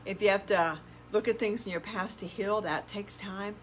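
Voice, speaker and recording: A woman's voice: medium pitch, steady tone, moderate pace, slight background noise. A middle-aged woman giving a conversational motivational talk in the manner of a self-help influencer, emphatic, repeating phrases and posing rhetorical questions. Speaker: self-help podcast host and coach.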